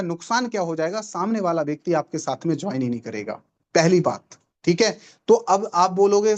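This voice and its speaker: Persuasive man giving a sales training talk. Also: high voice. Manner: persuasive, repeats lines for emphasis, asks the audience questions. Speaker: network marketing trainer. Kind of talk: live online training talk.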